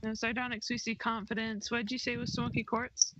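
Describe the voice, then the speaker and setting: A co-host in a casual fan discussion, chatty and quick to agree. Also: mid-range voice, level tone, bright, forceful tone. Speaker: podcast co-host. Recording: dull lo-fi recording with clear hiss.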